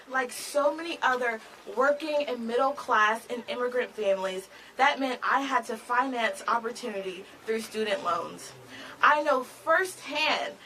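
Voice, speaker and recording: A woman's voice: fairly high pitch, pushed and bright, slight background noise, rough recording. A woman MC delivering a prepared rally speech in a formal, emphatic, projected manner. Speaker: rally MC and advocate. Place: outdoor rally, speaking to a crowd.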